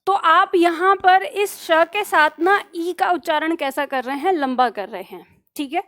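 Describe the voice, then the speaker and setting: A woman teaching a grammar lesson online, repeating phrases slowly for students to write down and answering her own questions. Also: very high-pitched, fairly bright tone. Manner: asks questions and answers them herself. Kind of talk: online exam-prep lesson.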